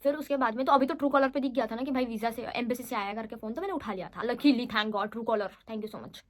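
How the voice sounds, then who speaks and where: A woman's voice: on the high side, brisk. Chatty young Indian woman vlogging. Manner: chatty, switches between Hindi and English. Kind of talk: casual storytelling vlog.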